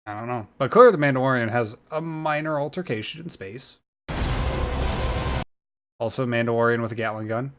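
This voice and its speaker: A man's voice: mid-range voice, a little fast, pauses often, noisy background. A young man giving a casual, rambling reaction commentary, hesitant and full of fillers. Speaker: YouTuber reacting to a trailer.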